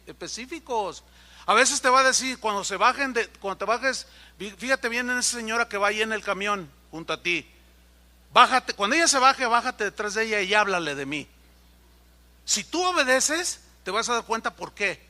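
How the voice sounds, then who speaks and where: Man, pastor, sermon, high voice, very bright and forceful. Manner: animated storytelling, acting out quoted voices.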